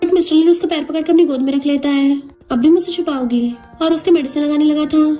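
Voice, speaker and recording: Fast, high-pitched woman narrating a drama recap. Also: little pitch movement, warm tone, faint music behind.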